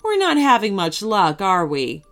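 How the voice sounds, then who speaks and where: A woman voicing a kind, patient baker in a storybook, gentle and motherly. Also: mid-range voice, huge pitch swings, unhurried, soft background music. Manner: gentle and motherly, a bit loud.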